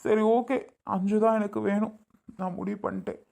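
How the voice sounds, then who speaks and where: A woman's voice: medium pitch, steady tone, normal speed, vocal fry, dark tone, close to an everyday voice. A woman playing a young married man torn between his wife and his sister, who pleads and then accuses in an amateur family drama skit.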